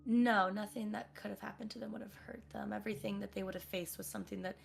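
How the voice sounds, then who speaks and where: Flustered rambling woman in a tabletop game, a woman puts her on, gravelly edge. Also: mid-range voice, flat delivery. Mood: explaining. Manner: flustered, rambling, talks quickly. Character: frazzled woman running kids' trials. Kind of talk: voicing a character in a tabletop game.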